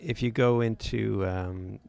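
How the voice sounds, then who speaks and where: A man's voice: on the low side, fairly even intonation, slow, gravelly, darkish tone, no room sound. A man hosting a live photo editing tutorial, talking casually with many fillers and restarts.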